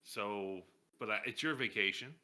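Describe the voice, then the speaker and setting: Man, tabletop player, deadpan, wry, sharp bright tone. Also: fairly low pitch, normal speed. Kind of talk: playing a tabletop game in character.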